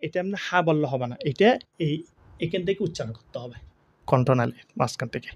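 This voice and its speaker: A man's voice: on the high side, animated, fairly quick. A man teaching the pronunciation of Arabic letters, stretching each sound and asking questions he answers himself. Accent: Bangladeshi. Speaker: Quran teacher.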